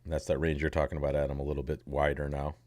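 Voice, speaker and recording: A man with an extremely deep voice hosts live bridge commentary. He teases his co-hosts and laughs easily, and the sound is dry and close. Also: completely flat delivery, rapid-fire, darkish tone, no room sound.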